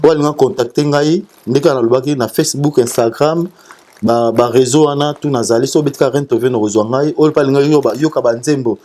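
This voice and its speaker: Casual and greeting his listeners, a guest singer in an interview speaks with a mellow voice of medium pitch. He often falters, repeating syllables and restarting what he says.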